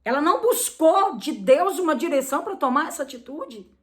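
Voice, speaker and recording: A Brazilian woman preacher delivers a sermon in a high, bright voice. Her delivery is emphatic, driven by rhetorical questions that she answers straight away. Her Brazilian Portuguese accent is clear throughout. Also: lively intonation, fairly quick.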